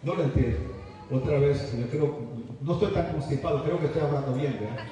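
A pastor, preaching a sermon and acting out stories with lively dialogue. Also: male voice, a little fast. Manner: animated storytelling, acting out dialogue with big swings in pitch. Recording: echoey church hall, mic at a distance.

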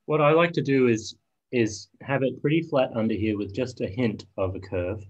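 A man demonstrating spoon carving on a video call, talking in a soft, hesitant way with frequent ums and restarts. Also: medium pitch, moderate pace, dull audio. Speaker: spoon carver giving a demo. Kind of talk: casual video-call discussion.

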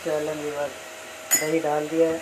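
Young male home-cook vlogger, monotone step-by-step delivery, phone mic in a kitchen with frying in the background. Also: on the high side, normal speed, heavy background noise. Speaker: cooking vlogger. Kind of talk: casual cooking narration. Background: frying and sizzling in the pan.

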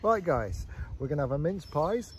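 Strolling through wintry woods, a man who hosts an outdoor vlog channel talks casually, wandering from topic to topic and laughing a lot. His pitch sits fairly high, his delivery is very animated, and his pace is moderate. Wind noise comes through the camera mic mounted on a stand outdoors.

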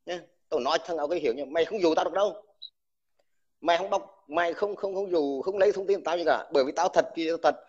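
A combative man, an army veteran, in a furious livestream rant. He hurls crude insults at the listener, speaking at a somewhat raised pitch, and stutters over repeated words when worked up. The recording is dull and lo-fi. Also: quick pace.

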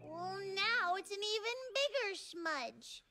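An actor voicing a gentle baby girl cheetah in a preschool cartoon, soft and sweet. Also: very high voice, big pitch swings, slow, crowd noise, heavily acted.

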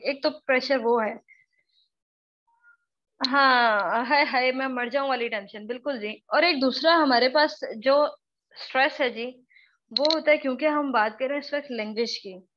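A woman from Pakistan teaching a live online spoken English class, her voice hoarse and worn out, quizzing students and repeating her questions. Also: high-pitched, highs cut off, a little hiss or hum. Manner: questions students often, repeats herself, slow drawn-out example words.

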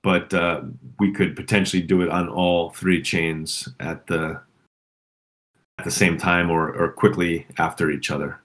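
Casting note: low-voiced man, hoarse throat, loose call host full of ums. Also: level tone, unhurried, a bit bright, slight background noise. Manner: rambling with many fillers and restarts. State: sore throat, coughing. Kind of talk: casual community call.

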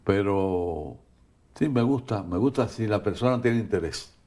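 An older man answering interview questions in a relaxed way and telling short anecdotes. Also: lowish voice, a little slow.

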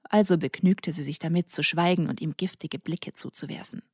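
Woman audiobook narrator, breathy, low, soft intimate reading, dry sound. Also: fairly quick, no room sound. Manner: soft, intimate, sometimes near a whisper. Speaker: audiobook reader. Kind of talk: scripted narration.

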